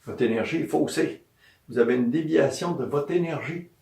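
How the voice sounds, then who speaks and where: A man's voice: a little high, normal speed, gravelly. A man with a Quebec French accent, a massage therapist giving an informal health talk, repeating his points and asking and answering his own questions. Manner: animated, repeats points, asks and answers himself. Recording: echoey room, mic at a distance.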